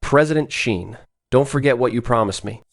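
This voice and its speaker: A man's voice: medium pitch, normal speed, dry recording, clean studio sound, natural voice. A man playing a provocative, protective designer in an English-dubbed drama, teasing and assured. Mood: challenging. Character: smooth-talking, provocative male designer, protective senior colleague.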